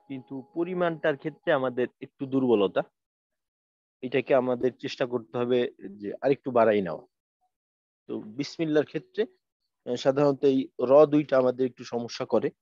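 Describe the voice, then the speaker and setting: A man teaching Quran recitation in an online class, explaining patiently and slowly stretching out sample verses. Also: medium pitch, dry recording. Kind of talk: online tajweed lesson. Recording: dry, muffled lo-fi audio.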